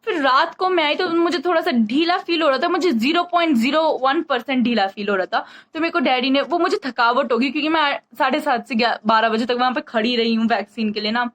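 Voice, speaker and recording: A woman's voice: high voice, fairly bright tone, rough recording. A woman telling a rambling, chatty story to camera in a casual vlog, short of breath as she speaks. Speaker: vlogger.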